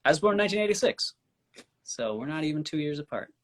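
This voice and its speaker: A man's voice: on the high side, lively intonation, fast talker. A man in his thirties co-hosting a casual live-stream chat, easygoing and agreeable. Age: 30s. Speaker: co-host.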